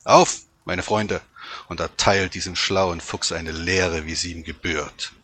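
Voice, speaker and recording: A stern dog leader, voiced by a man reading a storybook barks orders to his pack, loud and slow. The husky voice carries a bright, forceful bite. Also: very deep voice, level tone, exaggerated voice. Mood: commanding. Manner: loud commanding call. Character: commanding male dog leader.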